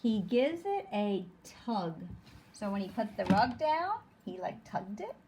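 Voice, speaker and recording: A woman teacher reading a simple story aloud to young children, sounding out each word slowly and clearly. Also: medium pitch, sing-song, darkish tone, a little hiss or hum. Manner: slow, deliberate, sounding out words.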